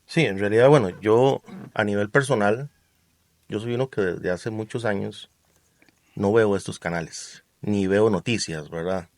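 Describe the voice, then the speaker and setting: A Costa Rican man co-hosting a talk show, speaking in a lowish voice. He talks in a measured, relaxed way and often closes a thought with a tag question. The sound is dry and close to the mic. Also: no room sound. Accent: Costa Rican Spanish. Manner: measured, relaxed, tags remarks with "¿verdad?". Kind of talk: casual discussion.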